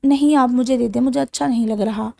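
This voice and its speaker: A woman narrator voicing a lively young bride, cheeky and insistent. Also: on the high side, gravelly, no echo.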